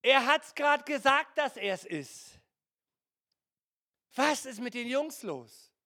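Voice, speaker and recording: A man's voice: extremely high pitch, expressive, slow, sharp tone, dry recording, clean studio sound. A man preaching a sermon as pastor, breaking into playful acted asides and mimicry.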